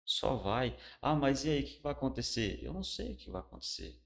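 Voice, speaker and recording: A middle-aged man with a Brazilian Portuguese accent, a pastor and guest, telling his personal testimony in casual, colloquial talk. He tells it with animation and drops to a hush for the solemn parts. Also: medium pitch, sing-song, a little fast, vocal fry.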